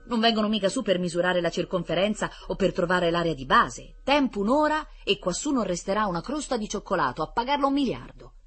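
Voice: medium pitch, animated, a little fast, hardly any pauses, fairly bright tone, slightly rough, soft background music, voice pushed up. A reader voicing a clever, self-assured boy who explains things patiently. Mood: knowing. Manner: knowing, persuasive. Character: clever confident schoolboy.

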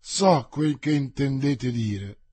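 A suave musketeer-priest, voiced by a male narrator in an audiobook, thoughtful and unhurried. The husky voice is recorded close and dry. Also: medium pitch, dark tone, no echo. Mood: reflective. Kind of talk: audiobook reading.

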